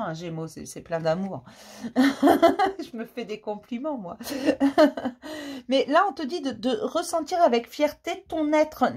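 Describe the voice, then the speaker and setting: A woman with a high, slightly mellow voice casually reads tarot for the star signs. She laughs frequently, chats with warmth, and refers to her viewers as her darlings.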